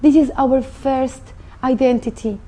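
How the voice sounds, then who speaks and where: High-voiced woman with a Mexican accent. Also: fairly even intonation, unhurried, warm tone. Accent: Mexican Spanish. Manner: earnest, emphatic, searching for words. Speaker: guest telling her conversion story. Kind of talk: unscripted personal testimony.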